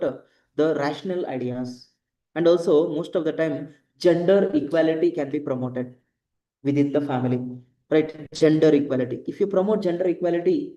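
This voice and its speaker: A man with an Indian accent lectures a class in a slightly high, mellow voice, repeating key points and often asking "correct?" or "right?" to check that students follow. The recording has a roomy echo, and he sounds distant from the mic.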